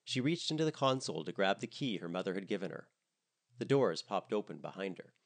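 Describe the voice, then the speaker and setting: A man narrating a comedic storybook in a wry, expressive manner. His voice is lowish and swings widely in pitch. He reads with lively timing. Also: fairly quick.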